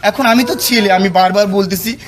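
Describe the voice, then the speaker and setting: A man pleading dramatically in a street confrontation, breaking into shouts, recorded outdoors with onlookers. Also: high-pitched, brisk. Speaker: spurned lover in a street dispute. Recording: outdoor street crowd noise.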